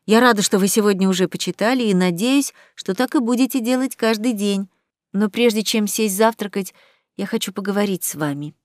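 A woman's voice: medium pitch, a little fast, dry recording, studio quality, natural voice. A woman reading aloud, voicing a caring mother who speaks tenderly and steadily.

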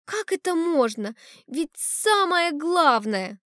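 A woman's voice: extremely high pitch, sing-song, slow pace, fairly bright tone, no echo, clean studio sound, voice pushed up, exaggerated voice. A woman reading a storybook voices a stern, exasperated mother who scolds. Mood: upset.

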